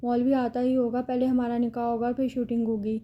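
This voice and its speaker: In this audiobook character reading, a woman takes on the role of a vengeful, cruel young man holding a kidnapped girl, mocking and threatening her with a menacing air. Her voice is slightly high and level in tone, the delivery only lightly acted, and the audio sounds dull.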